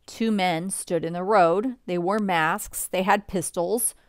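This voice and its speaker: A woman reading a children's storybook aloud at bedtime, with expressive shifts for the quoted lines. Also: fairly low pitch, slow pace, smooth, no echo, studio quality. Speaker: storybook reader.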